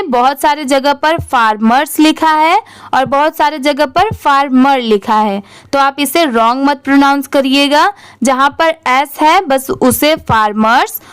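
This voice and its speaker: High-voiced woman teaching slow spelling. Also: dry recording. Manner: spells words letter by letter, then blends them slowly. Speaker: English reading teacher. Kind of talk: slow spelled-out reading lesson.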